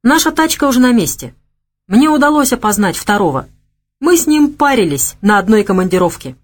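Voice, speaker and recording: Женщина читает за грубоватого бывшего зэка, блатной жаргон, аудиокнига. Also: female voice, a little high, very animated, a little fast. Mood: blunt. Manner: blunt slangy talk. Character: streetwise male ex-convict henchman, blunt.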